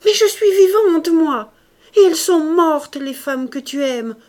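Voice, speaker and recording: A woman's voice: high-pitched, lively intonation, slow, darkish tone, voice pushed up. A woman reading an audiobook voices a desperate young woman pleading with her lover, passionately, from fury to tender whispers. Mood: jealous, bitter.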